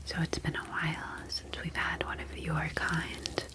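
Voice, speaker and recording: A woman voices a calm, formal humanoid alien scientist in an ASMR roleplay, her voice sitting low. She speaks in soft, breathy whispers, choosing her words with measured deliberation, and her mood is calm and explanatory.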